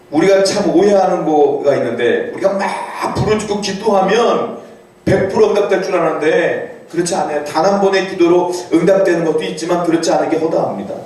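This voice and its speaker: A man preaching a sermon as pastor, animated, reading scripture aloud and rising to cries for emphasis. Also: high voice. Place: church sanctuary. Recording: very echoey church hall, voice from far off.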